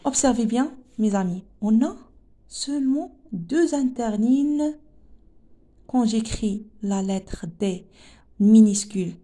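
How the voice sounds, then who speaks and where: Calm, mellow woman teacher. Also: on the high side, slow pace. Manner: calm, addresses viewers as "mes amis". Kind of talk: handwriting lesson for young children.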